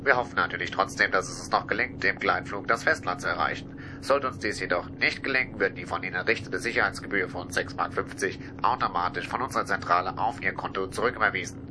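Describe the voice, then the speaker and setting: A calm, formal airline captain, played by a man reading out a cabin announcement in a comedy audio sketch. His voice is deep and quick, and clear noise sits under it. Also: lightly acted. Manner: formal, matter-of-fact announcer tone.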